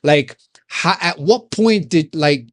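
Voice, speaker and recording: A podcast host from Chicago conducts an interview in a slow, fairly high voice. His casual chat rambles loosely, full of repeated words and restarts.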